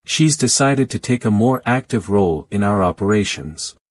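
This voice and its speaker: A man voicing a cheerful middle-aged company boss who makes announcements warmly, in a low, husky voice. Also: lively intonation, normal speed, no echo. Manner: warm announcing.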